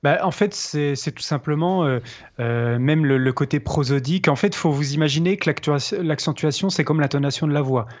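A man, a guitarist co-host explaining technique in casual chat, pausing to find his words. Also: fairly high pitch. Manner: explanatory, pauses to search for words. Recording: slightly dull lo-fi sound.

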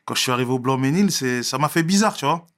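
A young man from Marseille with a Marseille accent, chatting casually in an interview, full of street slang and quick laughs. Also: mid-range voice, animated, a bit bright. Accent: Marseille French. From Marseille, France. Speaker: interviewee, rapper.

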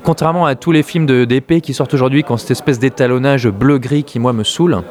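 A man's voice: mid-range voice, fast talker, a little mellow. A man from France talking casually about a film, hesitant, with many fillers and restarts. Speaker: film critic.

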